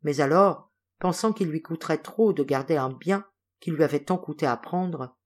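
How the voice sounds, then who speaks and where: A woman reading a classic novel aloud as an audiobook narrator, with a measured, expressive delivery. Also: sits low. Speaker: audiobook reader.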